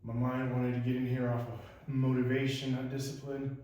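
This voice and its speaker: A man's voice: mid-range voice, level tone, normal speed, mellow. A man talking casually to camera as he vlogs from a closed home garage. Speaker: vlogger doing a cold plunge challenge. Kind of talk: casual vlog talk to camera. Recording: very echoey room, faint background noise.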